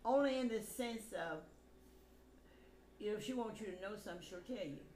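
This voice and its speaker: This elderly woman's animated, mid-range voice runs a little fast and has a darkish tone as she loosely recounts family tales. A grandmother with a blunt, rambling style, she performs the conversations as dialogue. The recording is echoey with noise behind her.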